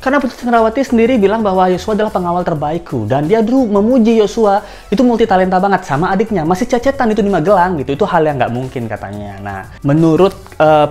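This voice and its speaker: A woman's voice: sits low, darkish tone. A woman giving casual spoken commentary on a news case, chatty and full of rhetorical questions, with faint music behind her. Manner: chatty, rhetorical questions, acts out quoted lines. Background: faint background music.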